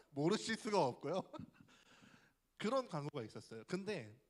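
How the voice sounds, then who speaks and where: A young man, a youth pastor, giving a casual, chatty sermon and often asking the audience questions. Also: on the high side. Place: church hall.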